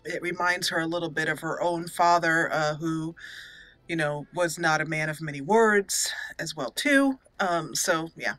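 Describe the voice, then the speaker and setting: Here the roleplay let's play host speaks low and a little slowly, her tone fairly bright, with no room sound at all. Game music runs behind her casual, giggly chatter.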